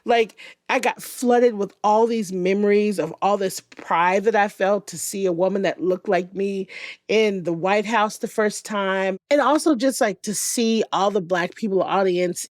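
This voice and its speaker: A woman talks in a relaxed, chatty way, with a voice of middle pitch. Her telling is animated, with frequent laughter and swearing. She is heard close on a dry studio mic with no room sound. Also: measured pace, no room sound. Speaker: podcast host. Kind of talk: casual chat.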